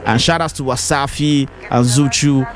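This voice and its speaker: A man's voice: medium pitch, fairly even intonation, normal speed, a loud crowd. Nigerian man hosting a music interview. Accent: Nigerian Yoruba-influenced. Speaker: interviewer, music show host. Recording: music playing behind the voice.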